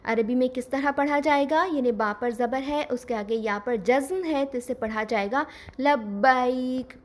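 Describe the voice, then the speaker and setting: A woman teaching Quran recitation, explaining patiently step by step and slowing down to model each sound. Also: fairly high pitch, slight background noise. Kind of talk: scripted lesson.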